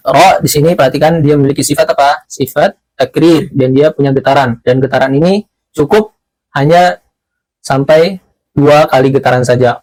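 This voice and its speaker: A man teaching letter pronunciation, explaining patiently and then chanting drawn-out practice syllables. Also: medium pitch, a little mellow, no room sound, low-quality recording. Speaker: Quran recitation teacher. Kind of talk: pronunciation lesson with drills.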